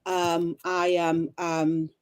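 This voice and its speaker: A middle-aged woman from Cameroon, a teacher and coach, answering interview questions thoughtfully with frequent pauses and restarts over a video call. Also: lowish voice, flat delivery, smooth.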